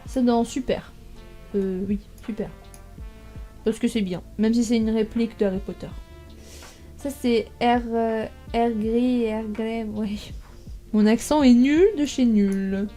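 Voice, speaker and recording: A chatty young woman with a fairly high but mellow voice, thinking aloud as she sorts titles into a tier list. She fills her speech with hesitations and little asides, and faint music plays behind her. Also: measured pace, pauses often. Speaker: YouTuber ranking manga. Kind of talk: casual tier list commentary.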